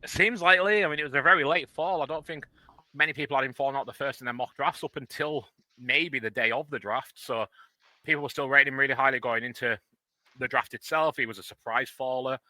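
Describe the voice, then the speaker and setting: A man talks football on a casual podcast, thinking out loud with plenty of fillers. His voice is very bright and forward. The recording is close and dry, with no room sound. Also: medium pitch, quick pace, no room sound, rough recording. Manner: relaxed, analytical, many fillers. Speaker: podcast co-host. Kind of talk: casual sports podcast chat.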